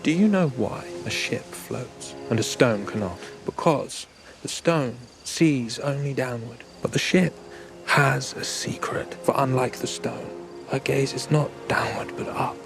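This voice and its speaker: An actor playing a wise, gentle elf man in a fantasy series, teaching a child in an unhurried, thoughtful way. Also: medium pitch, over music.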